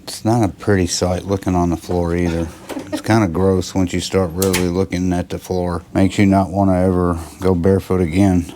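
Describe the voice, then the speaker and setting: A man's voice: low-pitched, level tone, normal speed, dark tone, a little hiss or hum. A man talking casually to camera as a cruise vlogger, with a wry, grumbling manner.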